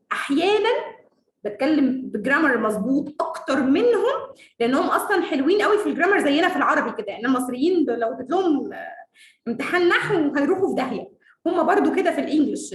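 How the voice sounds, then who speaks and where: An Egyptian woman with an Egyptian Arabic accent, teaching English in a confident, lively, casual online lesson and laughing often. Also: high-pitched, very fast, reverberant.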